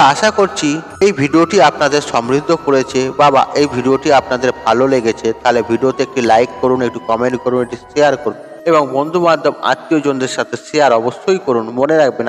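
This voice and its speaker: A man hosting a devotional tips channel, giving measured, scripted instructions for a ritual and chanting mantras slowly. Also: medium pitch. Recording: long reverb with faint music.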